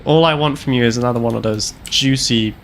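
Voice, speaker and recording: A man's voice: medium pitch, fairly quick, fairly bright tone, a little hiss or hum. A young man in his twenties from Canada with a British accent, chatting and teasing his teammate while streaming a game. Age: 20s. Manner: playful, teasing, laughs often. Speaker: streamer host. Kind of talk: casual gaming chat.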